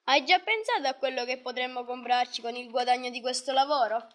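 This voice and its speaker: A woman's voice: sits high, brisk, a bit bright. A woman reading a kind poor shoemaker. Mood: cheerful. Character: poor kind-hearted middle-aged male shoemaker. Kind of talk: storybook reading.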